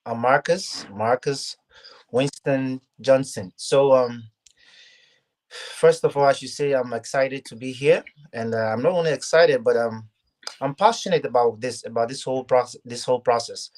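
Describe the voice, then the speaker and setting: A young Ghanaian man with a medium-pitched, slightly mellow voice appears as a guest in a casual interview. He talks earnestly but haltingly, restarting his sentences often.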